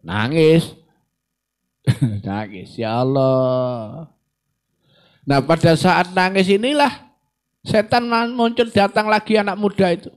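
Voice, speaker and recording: A man with a Javanese accent teaching a Ramadan religious lesson, telling a story, mixing in Javanese phrases, and repeating lines for emphasis. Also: a little high.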